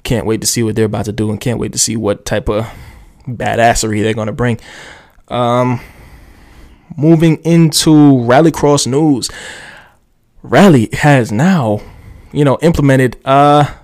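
A man's voice: medium pitch, a little slow, long pauses, darkish tone. A man hosting a casual solo motorsport podcast, rambling through the news with lots of fillers and jokey self-amused asides. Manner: rambling, laid-back, heavy on fillers like "you know what I'm saying". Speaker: podcast host. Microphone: studio podcast mic.

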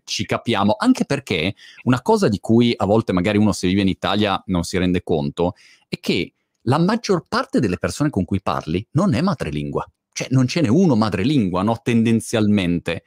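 Lively man in his forties hosting. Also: on the low side, no room sound, clean studio sound. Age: 40s. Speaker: host. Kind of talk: casual chat.

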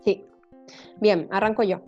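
A woman's voice: mid-range voice, steady tone, unhurried. A Chilean woman with a Chilean accent chatting casually with friends, talkative and self-deprecating with lots of fillers. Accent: Chilean Spanish. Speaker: band member introducing herself. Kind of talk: casual group chat. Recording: slightly muffled, faint guitar music behind.

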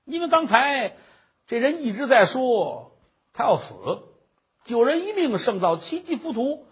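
Man doing a kind beggar guy, polite and coaxing, raspy voice. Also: very high-pitched, big pitch swings, unhurried, exaggerated voice. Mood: resolved. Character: kind-hearted male beggar, persistent and gentle.

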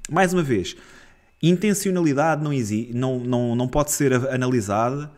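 A man with a European Portuguese accent picks apart refereeing decisions in relaxed podcast chat. His voice sits at an ordinary middle pitch, but he grows animated and exasperated as he talks, often stopping and restarting his sentences. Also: fairly quick. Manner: animated, gets heated and exasperated, many restarts. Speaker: co-host of a football club podcast. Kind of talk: casual football analysis chat.

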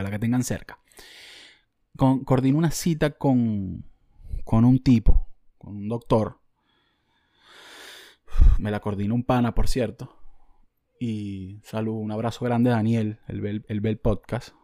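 Mellow-voiced Venezuelan man telling a comic story. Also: medium pitch, no room sound, studio quality. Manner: animated, slangy and profane, self-mocking. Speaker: podcast host.

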